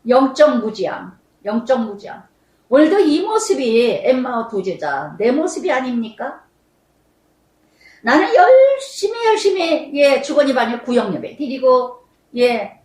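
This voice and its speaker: Middle-aged woman pastor, high voice, preaching hard, echoey room. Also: distant mic. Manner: emphatic, repeats phrases, swings between loud and soft. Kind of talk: sermon.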